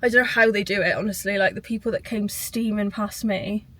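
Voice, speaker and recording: A woman's voice: mid-range voice, steady tone, a little fast, fairly bright tone. A British woman chatting casually as a vlogger, sounding tired and rambling a little. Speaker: running vlogger. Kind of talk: casual chat to camera.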